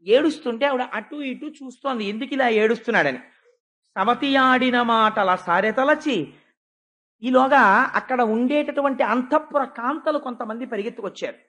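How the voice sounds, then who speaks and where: A man giving a devotional sermon, telling a sacred story and swinging from hushed tones to emphatic ones, slowing down for stress. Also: extremely high pitch. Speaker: devotional discourse speaker.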